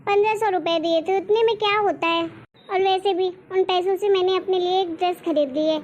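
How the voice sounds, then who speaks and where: A woman's voice: very high-pitched, steady tone, a little fast, darkish tone, lo-fi sound, a little hiss or hum. A woman voicing a spoiled, demanding young college girl in a cartoon story. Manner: whiny and demanding. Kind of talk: cartoon voice acting.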